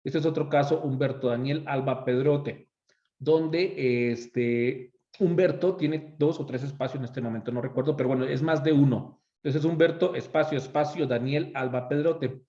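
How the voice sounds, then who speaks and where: Mexican male instructor, relaxed explanatory delivery, dull roomy recording. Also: medium pitch, moderate pace. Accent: Mexican Spanish. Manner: conversational, checks in with frequent "ok?". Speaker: course instructor. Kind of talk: explanatory tutorial lecture. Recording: echoey room, slightly dull lo-fi sound.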